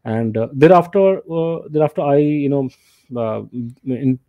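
A man's voice: a little high, animated, measured pace, dry recording, narrow, tinny audio. A middle-aged man with a North Indian accent telling stories as an interview guest, repeating himself and often saying "you know". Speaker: interview guest, journalist and author. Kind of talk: casual interview, storytelling.

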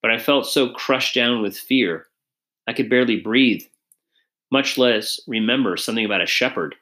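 A man reading a first-person story aloud in an earnest, measured way. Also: medium pitch, bright, forceful tone. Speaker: audiobook reader.

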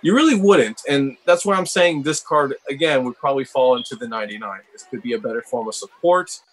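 A man's voice: mid-range voice, animated, a little fast, low-quality recording. A man co-hosting a casual chat about game cards, rambling and filling his talk with "like". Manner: rambling, heavy use of "like". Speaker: co-host reviewing cards.

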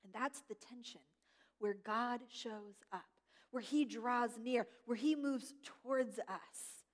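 A middle-aged woman pastor preaching a sermon, gentle and reflective, slowing down to stress key words. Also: on the high side. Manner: gentle, reflective, slows for emphasis. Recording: long hall reverb.

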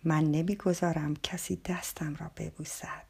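A woman voicing a calm, firm wandering dervish. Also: deep voice, creaky. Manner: quiet and steady, often half-whispered.

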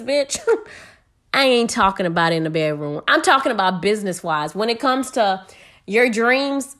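Chatty profane American woman podcaster. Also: mid-range voice. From United States. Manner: frank, profane, chatty and energetic. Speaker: podcast host. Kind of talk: casual solo podcast monologue.

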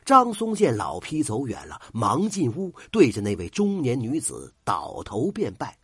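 An older male storyteller who narrates a folk tale with great drama. His pitch leaps all over the place, and his voice has a slightly husky edge. It sounds close and dry. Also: a little slow, no room sound. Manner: dramatic, highly expressive.

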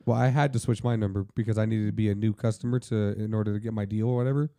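Man, podcast co-host, quick talker, blunt and swearing, mellow dark tone. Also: fairly low pitch, steady tone, no room sound, studio quality. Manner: blunt, profane, quick reactions. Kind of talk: casual chat.

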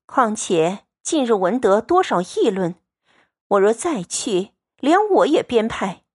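A woman's voice: medium pitch, sing-song, slow, no echo, clean studio sound. A woman giving a storytelling lecture, retelling scenes and then explaining them in plain words. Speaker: lecturer on a classic novel.

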